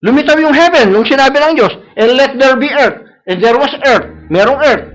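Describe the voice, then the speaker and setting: A male preacher, his voice pitched very high for a man. He preaches to a live congregation, returning to the same phrases again and again and checking that they follow him. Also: animated, normal speed, fairly bright tone, low-quality recording. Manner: mixes English phrases into Tagalog, repeats key phrases; asks the congregation for agreement. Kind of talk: sermon. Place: church service.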